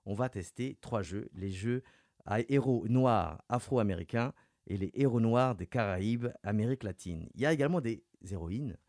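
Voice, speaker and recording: Male radio host, low and dry, playful quizmaster energy. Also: moderate pace, no room sound. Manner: lively, playful, announces clues with rising emphasis. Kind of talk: radio interview with a quiz game. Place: radio studio.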